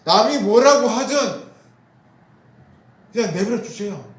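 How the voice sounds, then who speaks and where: A man's voice: high voice, expressive, slow pace. A man preaching a sermon as pastor, asking the congregation questions and answering them himself, and repeating key phrases for emphasis. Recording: roomy echo.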